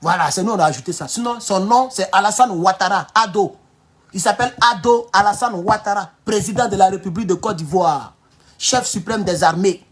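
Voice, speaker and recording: An Ivorian French man who comments on politics online reads viewer comments on a casual livestream, talking fairly quickly. He is animated, laughs a lot, and throws in mocking asides, his volume swinging widely from low mutters to loud outbursts. His back is sore.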